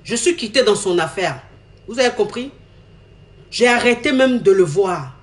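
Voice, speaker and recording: A young woman telling her own love story candidly. She talks in an animated way, repeats her lines and acts out what others said. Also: medium pitch, normal speed. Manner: animated, repeats herself, acts out quoted talk. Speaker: woman giving a testimony.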